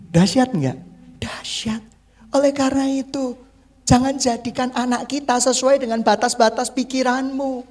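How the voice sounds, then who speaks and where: A male pastor preaching a lively, humorous sermon, acting out the voices of people in his stories. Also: very high-pitched. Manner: humorous, acts out congregants' voices.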